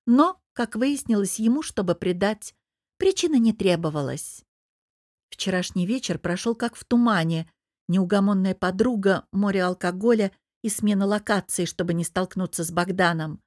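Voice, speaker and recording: Woman reading an audiobook, steady storytelling, mid pitch, no room sound. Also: normal speed, no echo, studio quality. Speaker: audiobook narrator. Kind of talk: first-person audiobook narration.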